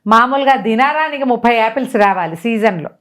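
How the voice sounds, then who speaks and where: A middle-aged woman telling a dramatic story in a casual talk-show manner, lifting her pitch sharply for emphasis. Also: a little fast. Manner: animated, swings up in pitch for emphasis. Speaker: storyteller guest.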